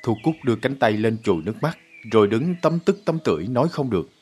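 A man reading a story aloud with steady, measured narration. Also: mid-range voice, husky, faint music behind.

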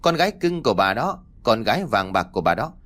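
A man playing a stern middle-aged village father who scolds gruffly in a low voice. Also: big pitch swings, brisk, fairly bright tone. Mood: gruff scolding.

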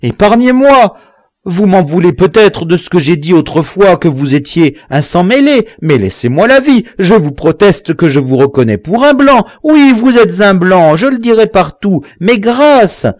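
A man's voice: high voice, very animated, extremely slow, few pauses, fairly bright tone, no echo, studio quality, pitched above the performer's own voice, full character voice. A man voicing a wailing prisoner begging for mercy. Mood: pleading. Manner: pleading, wailing. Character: terrified male prisoner begging for his life.

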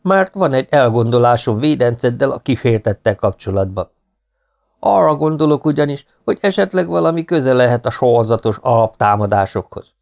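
A man's voice: medium pitch, lively intonation, gravelly, darkish tone. A man voicing a cocky young marquis in the legion, coolly amused and mocking in an audiobook story.

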